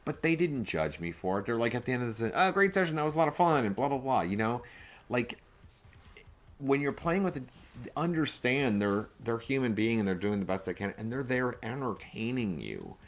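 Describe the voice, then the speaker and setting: A man's voice: medium pitch, very animated, moderate pace. A man co-hosting a podcast in a casual, rambling chat, full of fillers and restarts. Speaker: podcast co-host and game master.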